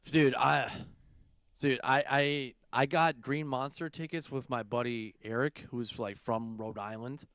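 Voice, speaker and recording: A young man rambles through a casual podcast story, swearing freely and stacking up fillers. His voice is smooth and clear over a dry, close sound. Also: medium pitch, fairly even intonation, a little slow, a bit bright, no echo. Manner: rambling, profane, lots of fillers. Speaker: podcast co-host. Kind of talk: casual chat.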